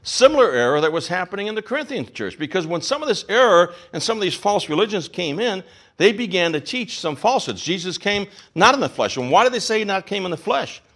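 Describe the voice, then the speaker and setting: A man preaching a sermon from the pulpit, his pitch rising and falling a great deal as he teaches. He asks his listeners question after question and repeats key phrases for weight. His voice sits a little higher than most men's. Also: sing-song, fast, fairly bright tone. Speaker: pastor.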